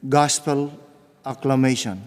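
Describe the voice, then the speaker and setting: A man's voice: mid-range voice, over music. A man reading scripture aloud as lector at Mass, formal and solemn, in a large echoing church. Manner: measured, formal. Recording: echoing church with long reverb.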